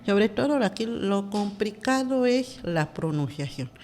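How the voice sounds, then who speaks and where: Woman guest, hesitant and halting, heavy on fillers. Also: mid-range voice, lively intonation, a little mellow, a little hiss or hum. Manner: hesitant, many fillers and restarts. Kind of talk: casual interview talk.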